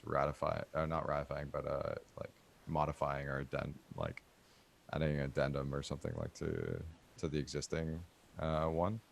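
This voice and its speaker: A man with an extremely deep, gravelly voice, rambling through his points with many fillers and restarts. He is leading a casual online meeting call. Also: a little hiss or hum. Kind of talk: casual technical meeting talk.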